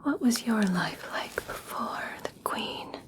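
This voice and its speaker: A gentle elf princess, played by a woman whispers softly and very slowly. The voice is fairly high, breathy and hushed, soothing and reassuring in the manner of an ASMR fantasy roleplay. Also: lively intonation. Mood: soothing, caring. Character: kind, reassuring young elf princess of a royal family. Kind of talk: ASMR personal attention roleplay.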